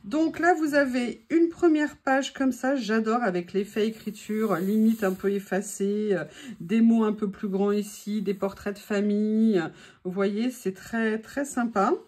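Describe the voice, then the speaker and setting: A woman's voice: mid-range voice, a little slow, a little mellow. A woman from France chatting casually through a haul of craft papers, enthusiastic and full of hesitations. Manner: enthusiastic, many fillers and hesitations. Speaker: crafting vlogger. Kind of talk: casual product haul chat.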